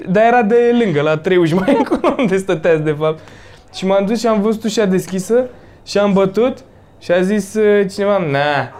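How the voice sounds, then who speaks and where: A man's voice: high-pitched, a little mellow, slight background noise. A man chatting casually, laughing often and swearing freely. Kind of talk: casual chat.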